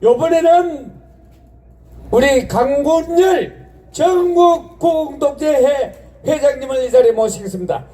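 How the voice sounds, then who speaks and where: A man's voice: very high-pitched, expressive, unhurried. A man working as MC at an outdoor rally, announcing informally and barking commands and chants. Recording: loudspeaker with loud music behind.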